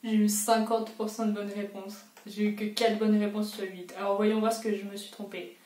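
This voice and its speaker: In a mid-range, dark voice with a level tone and moderate pace, a young woman booktuber chats through a quiz. Her casual vlog delivery is self-mocking and full of thinking aloud, and the mic sits at a distance in a roomy, echoing space.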